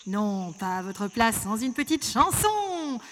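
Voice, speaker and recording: A woman's voice: on the high side, sing-song, slow pace, fairly bright tone, full character voice. A woman voicing a fussy male turkey who hosts a karaoke show, showy and bossy. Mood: hosting.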